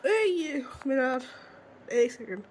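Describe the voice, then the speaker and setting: High-voiced hoarse young woman vlogging. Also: big pitch swings, slow pace. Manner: chatty, rambling, fills with "theek hai" and "hai na". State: hoarse from a sore throat. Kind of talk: casual vlog chat. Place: home, preparing a family ceremony. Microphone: handheld phone. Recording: noisy household background.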